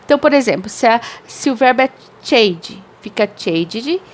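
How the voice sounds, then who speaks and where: A woman English teacher whose first language is Portuguese, giving a recorded grammar lesson and explaining slowly with repeated examples. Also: a little high, lively intonation.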